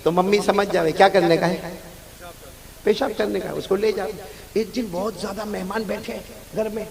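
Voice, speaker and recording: A man preaching to a live gathering, his voice pitched very high for a man. He moves from telling a story to leading rousing call-and-response chants, with the crowd clearly audible behind him. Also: fairly even intonation.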